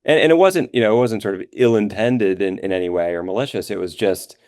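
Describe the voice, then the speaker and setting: A revenue operations executive appears as a guest on a business interview, answering questions conversationally and leaning on frequent filler phrases. He talks fast in a lowish, darkish voice, recorded with studio quality and no room sound.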